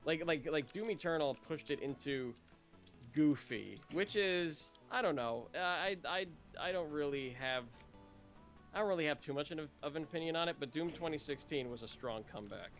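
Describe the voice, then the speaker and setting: A man's voice: a little high, expressive, normal speed, a bit bright, soft background music. A man co-hosting a casual gaming podcast, rambling with many restarts and fillers. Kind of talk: casual chat.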